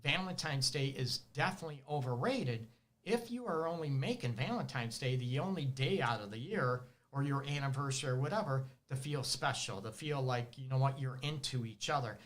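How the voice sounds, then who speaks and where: Animated Detroit counselor, laughing often. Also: male voice, medium pitch, fairly quick. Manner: animated, laughs often, acts out clients' voices. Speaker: relationship counselor and show host. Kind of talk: casual advice monologue. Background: dogs barking at times.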